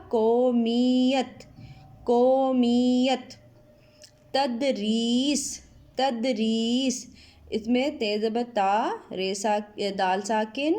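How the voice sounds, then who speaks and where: A woman teacher from Pakistan giving an online Urdu lesson to students, drawing out each word slowly as she spells it. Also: fairly high pitch, a little mellow. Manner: slow, drawn-out spelling of words. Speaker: school teacher.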